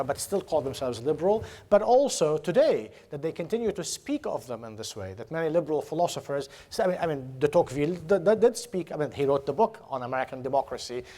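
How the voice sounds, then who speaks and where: This Jordanian man, a lecturer, responds to questions from the audience in a lecture hall during an academic Q&A, stumbling through plenty of fillers, repetitions and restarts. His pitch runs fairly high, with a darkish tone.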